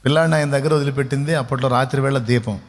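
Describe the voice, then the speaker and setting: A man's voice: mid-range voice, steady tone, very fast, big-room sound. A man preaching a sermon as a pastor, telling a story, acting out its dialogue and quizzing his congregation.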